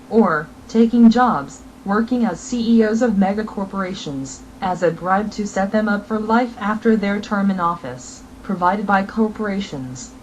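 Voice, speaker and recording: A woman's voice: mid-range voice, a little mellow, highs cut off. Woman reading a scripted message, faint noise. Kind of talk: scripted political message narration.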